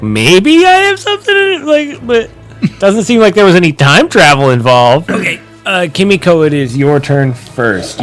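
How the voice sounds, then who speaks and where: A man narrating a tabletop game as game master, describing scenes with many pauses and restarts. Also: medium pitch. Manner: rambling, searching for words with many likes and restarts.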